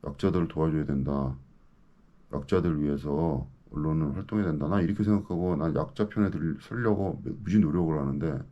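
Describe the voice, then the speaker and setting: A man's voice: rumbling low, fairly quick, mellow, dull audio. A man in his fifties, a local news commentator, delivering an indignant, ranting monologue and repeatedly demanding answers from his audience. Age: 50s.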